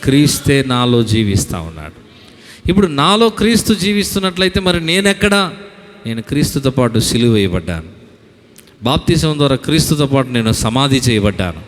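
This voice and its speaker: A man's voice: medium pitch, big pitch swings, a little fast. A man preaching a sermon to a congregation as their pastor, calling on them to repeat lines aloud. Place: church hall. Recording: long hall reverb.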